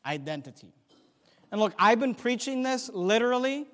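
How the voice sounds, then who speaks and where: A male pastor preaching a sermon, emphatic, swinging between loud declarations and quiet asides, and reciting scripture in old-fashioned wording. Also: extremely high pitch, sing-song, normal speed. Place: church sanctuary. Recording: long church hall reverb.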